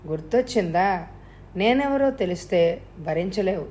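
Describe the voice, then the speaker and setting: A woman voicing a calm, cold-blooded young male killer with a harsh, unhurried, menacing voice. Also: on the low side.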